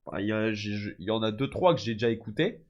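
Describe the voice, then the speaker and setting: Fairly low in pitch and quick, the dull-sounding recording captures a young French man on a livestream, casually recounting stories. Often sick, he speaks in slang and calls his audience "les gars" and "frère."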